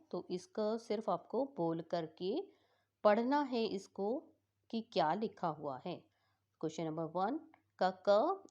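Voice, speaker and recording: A woman teacher patiently explaining a school lesson for exam revision, repeating each word slowly. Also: medium pitch, dark tone, dull audio.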